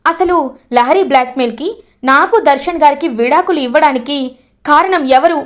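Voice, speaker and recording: A woman's voice: high-pitched, normal speed. A woman narrating a dramatic recap of a TV serial episode, with sympathetic asides.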